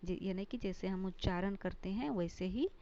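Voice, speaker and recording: A woman's voice: mid-range voice, normal speed. A woman teaching a Hindi grammar lesson, repeating each point and glossing terms with English words. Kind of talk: slow classroom grammar lesson. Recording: dull lo-fi recording with steady noise.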